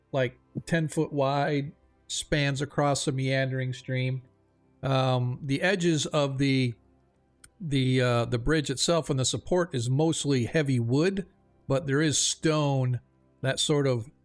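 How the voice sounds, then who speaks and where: A man running a tabletop fantasy game as game master, improvising descriptive narration in a halting way. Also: medium pitch.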